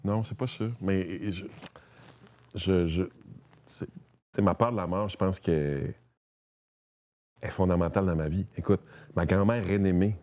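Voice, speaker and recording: A man's voice: low-pitched, unhurried, long pauses, darkish tone. A man from Quebec with a Québécois French accent, a guest chatting casually and rambling, with many restarts and a lot of "tu sais". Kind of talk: casual conversation.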